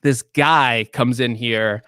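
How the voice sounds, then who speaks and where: A man co-hosting a tech podcast in casual chat, animated and self-mocking. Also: mid-range voice, slow, clean tone, no echo, clean studio sound. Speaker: podcast co-host.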